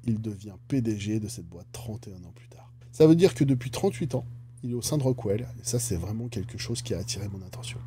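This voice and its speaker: A man talks through a company's stock analysis in a casual, chatty way and keeps adding jokey asides. His voice is mellow and somewhat dark. A faint hum sits under the recording. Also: medium pitch. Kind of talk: casual finance commentary.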